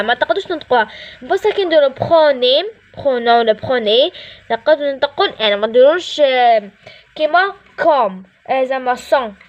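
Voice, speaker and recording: Woman with an Algerian accent, high pitch, casual teacher who apologizes and self-corrects, dull lo-fi recording. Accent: Algerian Arabic. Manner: apologizes often, repeats and corrects herself. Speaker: French teacher. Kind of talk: casual classroom lesson.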